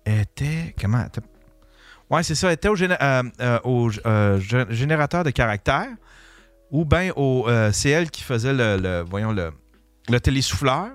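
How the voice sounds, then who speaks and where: A male podcast host with a Quebec French accent chats casually, halting as he searches for words. His pitch moves a lot, and the sound is dry and close. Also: expressive, dry recording, soft background music. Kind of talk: casual chat.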